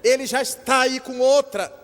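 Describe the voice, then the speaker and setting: An older man from Brazil, telling an animated story at a lecture and acting out the dialogue in shifting voices. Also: extremely high pitch, normal speed. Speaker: spiritist lecturer. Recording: long hall reverb.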